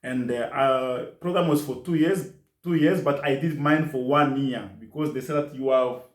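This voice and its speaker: A middle-aged man from Congo, whose own language is French, speaks English as an interview guest telling stories casually. His voice is mid-pitched and earnest at normal speed, and he circles back to repeat phrases. The recording is roomy with clear echo.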